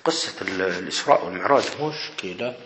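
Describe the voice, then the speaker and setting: Low-voiced guy in his 40s, sarcastic lecturer, long hall reverb and a bit of hiss. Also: expressive, quick pace, fairly bright tone. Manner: sarcastic, mimics dialogue. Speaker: professor. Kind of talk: critical lecture-style talk. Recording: echoey hall with faint noise.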